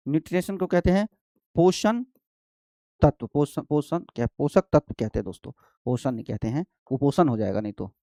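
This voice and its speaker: A man's voice: a little high, warm tone, no echo, studio quality. A male teacher giving an exam-prep biology lesson, repeating each point and quizzing the students as he goes. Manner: repetitive, quizzing, addresses students as friends and babu.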